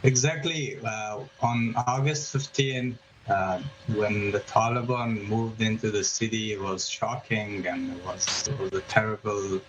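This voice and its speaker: Low flat-voiced man on a muffled line. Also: a little slow. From Afghanistan. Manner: hesitant, many fillers and restarts. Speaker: journalist, interview guest. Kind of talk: remote news interview. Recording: muffled remote line with background noise.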